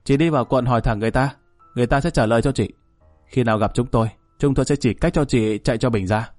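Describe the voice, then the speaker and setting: A man's voice: mid-range voice, quick pace, darkish tone, dry recording, soft background music, close to an everyday voice. A man voicing a crude, evasive male caller who pressures a family for money in a curt, pushy manner.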